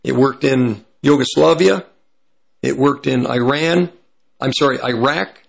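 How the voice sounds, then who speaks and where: A man whose voice is mid-range and a little raspy from hay fever offers prophecy commentary while reading from an article. He keeps pausing mid-sentence to correct himself.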